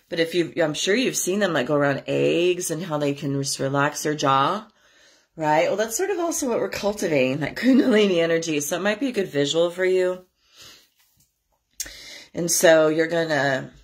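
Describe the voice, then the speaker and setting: A woman teaching a spiritual class, talking in a chatty, rambling way and leading slow, steady chants, her voice stuffy and scratchy from a cold. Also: sits low, vocal fry, breathy edge. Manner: chatty, rambling asides with soft laughs.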